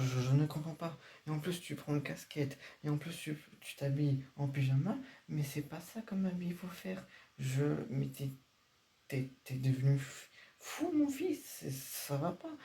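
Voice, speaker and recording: Brief: mellow-voiced stressed dad, scolds and repeats himself , played by a man in a home sketch. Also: lowish voice. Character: strict worried father scolding his son. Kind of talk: homemade comedy sketch.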